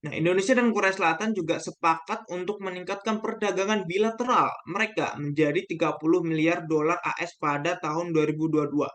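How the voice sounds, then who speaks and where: A man's voice: high voice, a little fast, few pauses, fairly bright tone. A young man giving a class presentation, hesitating often with fillers and restarts. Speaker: student presenter.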